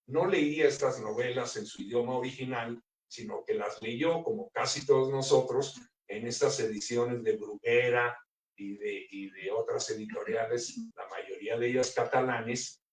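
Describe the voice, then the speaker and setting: A man giving a thoughtful literary talk at a book presentation, hesitating often with fillers and restarts. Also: mid-range voice. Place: bookstore event room. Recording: roomy, picked up from a distance.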